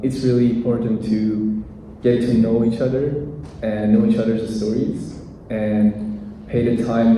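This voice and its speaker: A young man gives an earnest, halting talk at an event. His voice is dark, fairly low and flat. He is heard from a distance in a very echoey room. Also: a little hiss or hum. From Iran. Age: young adult. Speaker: international student speaker. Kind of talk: short speech at an event. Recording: very echoey room, mic far off.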